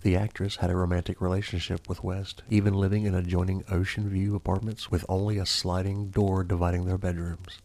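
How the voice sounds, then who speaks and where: A man hosts a true crime podcast as an ASMR narrator. His voice is very low and gravelly, with a dark, mellow tone. He phrases things like a formal, theatrical storyteller. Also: level tone, brisk, hardly any pauses, dry recording. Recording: faint music behind the voice. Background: faint music.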